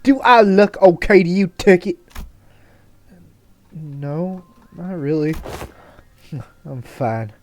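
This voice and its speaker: A man voicing a brash, foul-mouthed, battle-hardened mother with a put-on Southern accent, loud and swearing. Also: high-pitched, animated, takes it slowly, pauses often, dry recording, heavily acted. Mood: angry. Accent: put-on American Southern.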